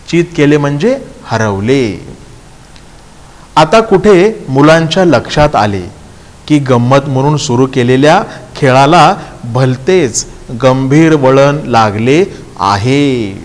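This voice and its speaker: A male teacher reads a story aloud for a class, then goes over each sentence again in simpler words. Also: mid-range voice. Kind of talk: reading a story aloud and explaining it. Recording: long hall reverb.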